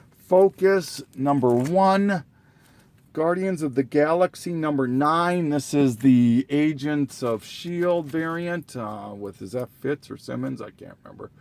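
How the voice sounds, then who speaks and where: Guy slowly reading off his collection, lots of ums, kinda losing his voice, slightly high voice. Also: a little mellow. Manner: slow, halting, many ums and self-corrections. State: losing his voice, clearing his throat. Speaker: comic collector listing trades. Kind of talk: casual show-and-tell listing.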